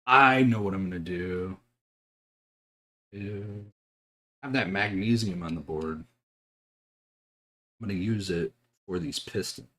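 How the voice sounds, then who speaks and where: A young man streams himself painting as a hobby, chatting casually and telling laid-back stories full of swearing and chuckles. His voice is low and fairly bright, and he talks slowly with long pauses.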